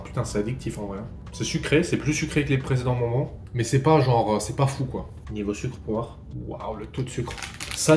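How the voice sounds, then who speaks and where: A man's voice: medium pitch, a little mellow, a little hiss or hum. A man from France chatting casually as he taste-tests snacks for a vlog, swearing offhand and thinking aloud as he eats. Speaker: vlogger reviewing snacks. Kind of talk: casual food tasting vlog. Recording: roomy echo, faint background ambience.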